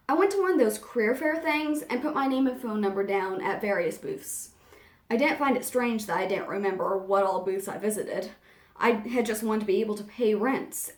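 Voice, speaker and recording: A woman's voice: medium pitch, natural voice. A woman performing a dramatic monologue as an anxious young woman, confessing in a confiding, conversational, theatrical way. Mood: wry, confiding. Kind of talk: dramatic first-person monologue reading. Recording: echoey room.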